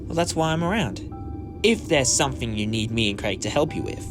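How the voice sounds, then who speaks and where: A man's voice: medium pitch, animated, brisk, over music, lightly acted. A man playing an earnest, kindly alien traveller hero who instructs others in a fan audio drama. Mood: gentle, reassuring.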